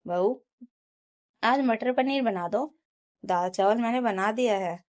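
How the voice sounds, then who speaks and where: A woman voicing a stern, scheming middle-aged mother-in-law who talks in a taunting, bossy way, raised a little above her own pitch. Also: slow pace, darkish tone. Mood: scolding.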